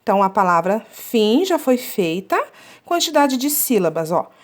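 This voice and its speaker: Woman teaching young children, lively, sing-song delivery, drawing out syllables and checking in with the class. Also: medium pitch. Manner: slow, drawn-out syllable counting; checks with "tá?" often. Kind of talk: children's lesson.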